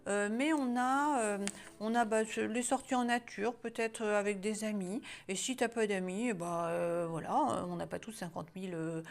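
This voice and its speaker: A woman's voice: mid-range voice, normal speed. Chatty French-speaking woman reading tarot. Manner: hesitant, many fillers and restarts, chatty. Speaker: tarot card reader. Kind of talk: casual spiritual guidance reading.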